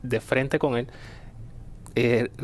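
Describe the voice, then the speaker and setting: A man with a middle-pitched voice talks loosely on a radio show, reflecting on faith. He strings thoughts together with many fillers and short chuckles. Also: steady tone, drawn-out words, slight background noise. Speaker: radio co-host. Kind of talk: casual reflective radio talk.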